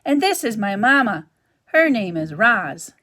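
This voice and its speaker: A woman's voice: medium pitch, sing-song, unhurried, sharp tone, pitched above the performer's own voice. A woman reading a children's novel aloud, voicing a young male gosling with an eager, anxious child's voice.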